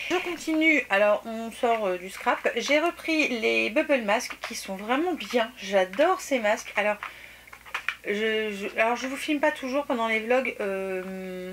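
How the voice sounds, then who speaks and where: A woman's voice: a little high, a bit bright, slight background noise. A woman vlogger chatting casually about a shopping haul, often restarting her sentences and laughing at herself.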